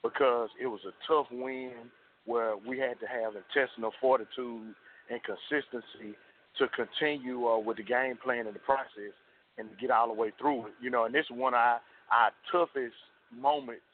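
A man's voice: mid-range voice, steady tone, normal speed. Guy calling in on his cell, tinny phone sound with some hiss, earnest fan talk. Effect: heard over a cell phone line. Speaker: radio call-in caller. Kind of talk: earnest sports fan commentary.

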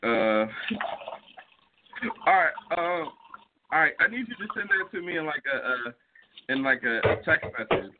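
A man's voice: fairly high pitch, very animated, moderate pace, long pauses, background noise. A man hosting a casual relationship podcast, talking loosely with many restarts and fillers, often breaking into laughter. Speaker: podcast host. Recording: tinny phone-like line.

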